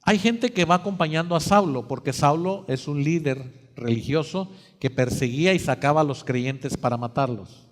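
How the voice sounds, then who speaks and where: In a church sanctuary full of long reverb, a man with a high voice preaches a dramatic sermon at normal speed. He alternates between quiet and loud delivery while firing rhetorical questions at the congregation.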